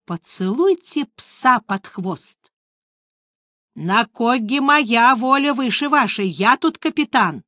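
A woman doing a gruff, defiant ship captain. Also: a little high, animated, pushed and bright, dry recording, clean studio sound, pitched above the performer's own voice, exaggerated voice. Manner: defiant, blunt, slow.

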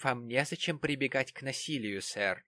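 A man voicing a calm, composed young man who speaks steadily and firmly. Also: mid-range voice, normal speed, no room sound, close to an everyday voice. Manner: steady, firm.

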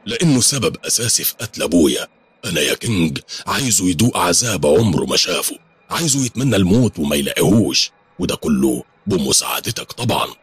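A man's voice: deep voice, very animated, quick pace, slightly rough, no room sound, exaggerated voice. Man playing a vengeful young schemer. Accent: Egyptian Arabic. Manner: intense, determined.

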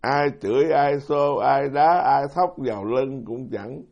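Folksy monk preaching. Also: male voice, medium pitch, slow pace, creaky, a little mellow, lo-fi sound. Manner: folksy, self-deprecating, asks the audience questions. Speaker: Buddhist monk giving a dharma talk. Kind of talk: sermon.

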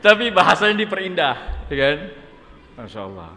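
A man's voice: sits high, big pitch swings, normal speed, bright, forceful tone. A male preacher giving a lecture, telling a story playfully and often adding pious phrases. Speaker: Islamic preacher. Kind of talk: humorous religious lecture storytelling. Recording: echoey hall, faint background noise.

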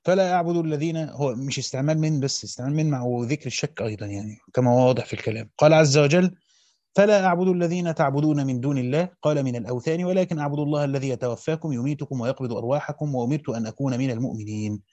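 Fast-reading man with a mellow voice. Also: mid-range voice, no echo. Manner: reads quickly, breaks in with short colloquial asides. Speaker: teacher of Quranic exegesis. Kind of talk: rapid reading of a classical text with brief explanations. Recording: dull, dry lo-fi recording.

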